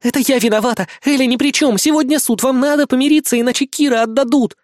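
A man reading an audiobook, voicing a jealous, desperate young woman with a shrill, pleading delivery. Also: normal speed, a little mellow, no room sound, studio quality. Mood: frantic.

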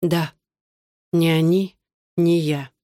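A woman's voice: deep voice, flat delivery, slow pace, warm tone. A desperate young woman pleads in a tearful murmur , as the audiobook narrator puts her on. The storybook reading sits in a dry, close room with no echo. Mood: bitter.

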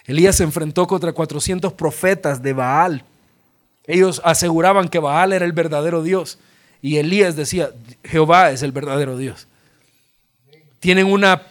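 A male pastor with a Salvadoran accent preaching a sermon, telling Bible stories in an animated, humorous way. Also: high voice. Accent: Salvadoran Spanish.

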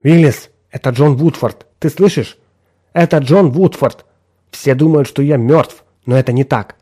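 A man voicing a desperate middle-aged clerk who insists he is alive, pleading and nearly shouting. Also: mid-range voice, measured pace, slightly rough.

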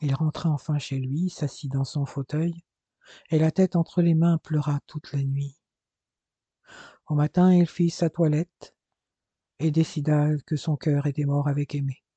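Husky-voiced man narrating an audiobook. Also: on the high side, fairly even intonation, measured pace, mellow, no room sound. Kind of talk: scripted narration. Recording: dull, dry lo-fi recording.

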